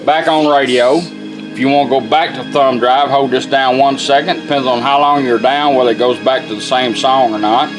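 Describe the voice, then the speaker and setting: Plain-spoken and informal, a man walks through a hands-on product demonstration step by step, with a steady tone, medium pitch and normal speed. Music from the car radio being demonstrated plays in the background. The recording quality is low.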